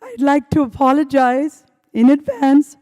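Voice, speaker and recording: A woman school principal with a hoarse, strained voice gives an earnest, heartfelt welcoming address to students and families at a ceremony. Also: sits high, big pitch swings, a little slow, warm tone. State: hoarse, losing her voice. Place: school event venue, indoors.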